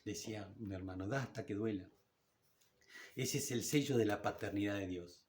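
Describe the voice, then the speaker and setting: A man with an Argentine Spanish accent preaching a sermon in church, in a conversational way that slows down to read scripture aloud. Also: fairly low pitch, a little mellow. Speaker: pastor.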